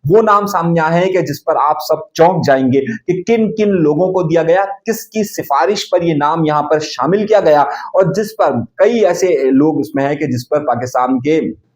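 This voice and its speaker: Emphatic male political commentator, fairly high voice. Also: moderate pace, a little mellow. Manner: emphatic, addresses viewers directly with rhetorical questions. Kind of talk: news commentary monologue.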